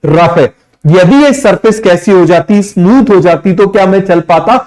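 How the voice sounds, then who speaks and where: A young man teaches biology in a live online class, speaking into a streaming mic. He fires off quick questions and answers them himself. His voice sits a little high, and he draws out English terms slowly. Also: a little mellow. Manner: mixes English terms into Hindi, drawn out slowly. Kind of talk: live online exam-prep lecture. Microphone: streaming microphone.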